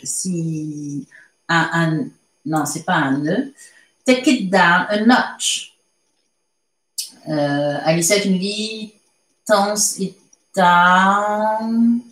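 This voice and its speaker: Woman teacher doing a live english class, takes her time, reads out chat answers, echoey room. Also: mid-range voice. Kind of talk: live online English lesson.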